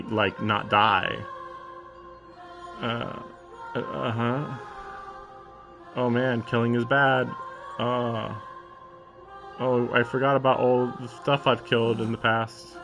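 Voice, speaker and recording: Over music, a man with a medium-pitched voice speaks slowly, with little pitch movement and long pauses. He's live-streaming a visual novel, giving it a mock-dramatic reading and interrupting with sarcastic, occasionally profane comments in a mix of commentary and dramatic read-aloud.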